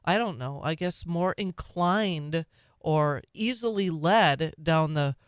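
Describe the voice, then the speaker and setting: A woman's voice: sits low, slow pace, smooth, dry recording, studio quality. A middle-aged woman with a Minnesota accent, chatting about politics as a talk radio host.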